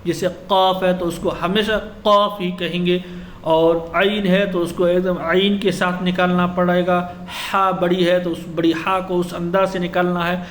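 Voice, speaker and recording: A man's voice: high voice, level tone. A male teacher giving an exam-prep lecture, explaining step by step and answering his own questions. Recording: echoey room with faint ambient noise.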